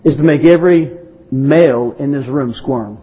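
A man's voice: medium pitch, moderate pace, slightly rough, highs cut off. A man preaching a sermon to a congregation, asking rhetorical questions and prompting his listeners to respond.

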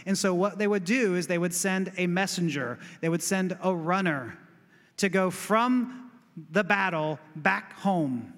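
Male pastor, high sharp voice, lively conversational sermon, echoing church sanctuary. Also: unhurried. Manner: animated, conversational preaching that builds to exclamations. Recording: long reverb of a church hall.

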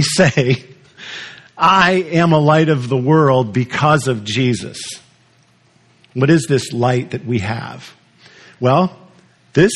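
A man's voice: medium pitch, fairly bright tone, husky. A male pastor preaching a sermon in a conversational way, asking the congregation questions.

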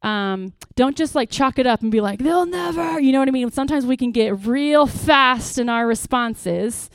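A middle-aged woman pastor giving an earnest, lively workshop talk to parents, with praise asides and acted-out stories. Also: fairly high pitch, moderate pace, clear, resonant tone, no room sound. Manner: lively storytelling, acts out quotes with bursts.

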